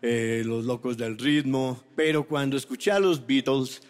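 A man in his seventies from Mexico, a contestant singing rock and roll in a shouted style on a TV stage, then answering softly. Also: medium pitch, unhurried. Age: 70s. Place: large TV studio stage with live band. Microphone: handheld stage microphone on stand. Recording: loud band and studio audience.

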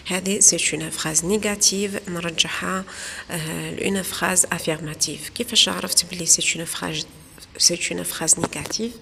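Algerian woman teacher, lowish gravelly voice, slow French dictation, quick Arabic asides. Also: pushed and bright, big-room sound, slight background noise. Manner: reads French sentences slowly, explains briskly in Algerian Arabic. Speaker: primary school teacher. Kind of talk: exam-prep lesson.

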